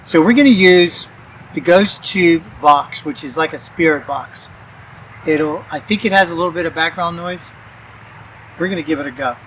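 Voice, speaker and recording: A man hosting a paranormal vlog, speaking in a hushed, coaxing way as he addresses spirits in a cemetery at night. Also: a little high, moderate pace, slight background noise, poor audio. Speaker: paranormal investigator host. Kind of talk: casual vlog narration.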